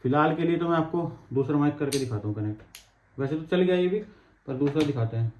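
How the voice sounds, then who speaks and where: A man's voice: on the high side, brisk, a little mellow, a little hiss or hum. A man casually reviewing wireless mics on a clip-on mic, chatty and explaining each step as he handles the gear. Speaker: tech reviewer vlogger. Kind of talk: casual product demo.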